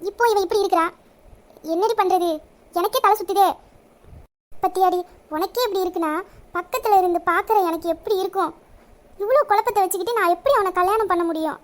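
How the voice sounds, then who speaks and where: A woman voicing a caring, protective young village woman who questions her friend briskly and affectionately. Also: very high-pitched. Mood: bewildered. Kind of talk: Tamil village audio drama.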